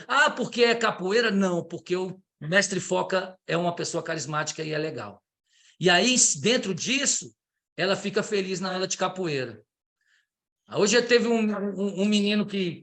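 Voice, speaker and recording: High-voiced, enthusiastic Brazilian man teaching. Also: fairly bright tone. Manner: enthusiastic, gets carried away. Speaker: capoeira teacher. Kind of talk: online training talk. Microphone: video call.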